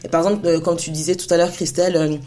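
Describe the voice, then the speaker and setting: A woman's voice: on the low side, fairly even intonation, very fast, mellow. A woman in her thirties, co-hosting a faith podcast in an earnest, encouraging, casual way, with frequent laughs and restarts. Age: 30s. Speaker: podcast co-host.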